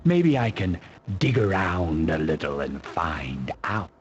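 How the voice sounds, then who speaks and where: A sadistic male doctor villain in a game. His voice is deep and slow, with animated, swooping intonation. He taunts with smug, mock-soothing condescension. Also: muffled recording, slight background noise, full character voice. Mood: gleeful taunting.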